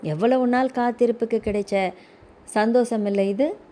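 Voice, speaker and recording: A woman narrator voicing a soft-spoken, emotional young wife with gentle, halting speech. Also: fairly high pitch, fairly even intonation, natural voice. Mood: tender.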